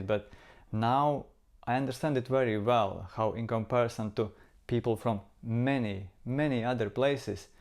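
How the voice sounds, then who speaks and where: With a Latvian accent and a mid-range, slightly mellow voice, a man from Latvia vlogs about his travels straight to camera. The talk is casual but earnest and reflective, and he repeats words for emphasis.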